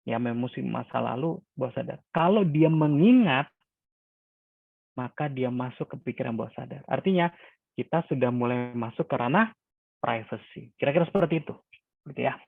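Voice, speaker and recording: A man teaching a hypnosis class in a calm, explanatory way, acting out sample questions with sharp rises in pitch. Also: normal speed, gravelly, no echo. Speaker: hypnosis instructor. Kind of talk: class lecture with spoken examples. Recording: dry phone-like lo-fi recording.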